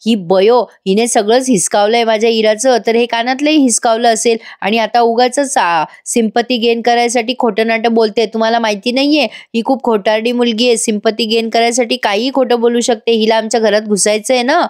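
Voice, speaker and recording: A woman's voice: a little high, steady tone, a little fast, few pauses, no echo, clean studio sound, natural voice. A woman reading the lines of a suspicious, scornful mother in a recap of a TV serial, speaking in her own everyday voice. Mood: accusing. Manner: accusing, scornful.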